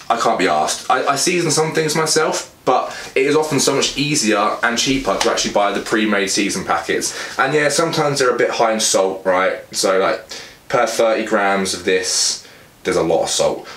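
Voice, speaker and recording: A young adult man with a British accent, whose lowish voice has a slight brightness, explains cooking to camera indoors in his small home kitchen. He's a fitness vlogger and meal prep host with a casual, plain-spoken manner, and the recording is echoey with clear background noise.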